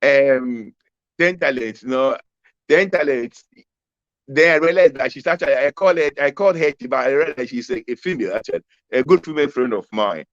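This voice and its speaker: A man's voice: medium pitch, normal speed, no echo. A man in his fifties with a Ghanaian accent, a political candidate answering interview questions over a video call that keeps freezing. He talks emphatically and repeats his key phrases. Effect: video call audio that keeps freezing and cutting out. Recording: dull, dry video call audio.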